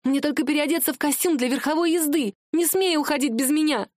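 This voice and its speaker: A woman's voice: high voice, quick pace, a little mellow, no echo, clean studio sound, voice pushed up, close to an everyday voice. A woman voicing a desperate, defiant young wife in an audiobook, pleading and heated.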